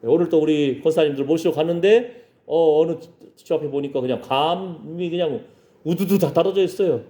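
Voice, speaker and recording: A man's voice: a little high, moderate pace, mellow. A man preaching a sermon as pastor, emphatic and conversational, with frequent rhetorical asides to his congregation.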